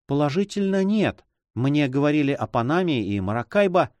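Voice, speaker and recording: Audiobook: a hesitant young woman in love, read by a male narrator, lively pitch, dry studio. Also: normal speed, no room sound. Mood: fearful. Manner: soft, fearful and hesitant. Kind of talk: audiobook reading.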